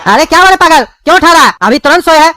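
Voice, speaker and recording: A woman's voice: very high-pitched, animated, very fast, background noise. A woman voicing a short-tempered, sleepy father in a cartoon, scolding and threatening. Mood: irritated. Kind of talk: cartoon voice acting.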